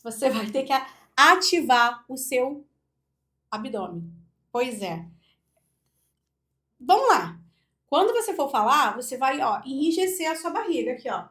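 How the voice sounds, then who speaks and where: Woman, Brazilian accent, high voice, speech therapist, instructional demo, step-by-step explaining. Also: very animated, unhurried, long pauses, a bit bright. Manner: demonstrative, explains step by step, often says "look". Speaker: speech therapist and public speaking coach. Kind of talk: instructional video with live vocal demonstrations.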